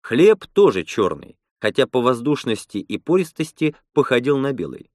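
A man narrating first-person fiction in a calm, expressive storytelling manner. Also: mid-range voice, moderate pace, no echo, clean studio sound. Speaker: audiobook narrator.

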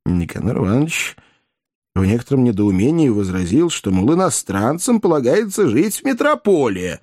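A man narrates a novel with lively, expressive storytelling. His pitch rises and falls widely while staying in a middle register. The sound is dry and close. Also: moderate pace, no echo. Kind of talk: audiobook reading.

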